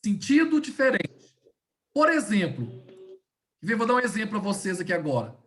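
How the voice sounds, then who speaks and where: Woman teaching over a video call, patient step by step explaining, slows right down on the key words, keeps checking everyone's following, middle-pitched voice. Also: very animated, slight background noise. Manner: didactic, checks in often with "tá?" and "né?". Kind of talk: online class lecture.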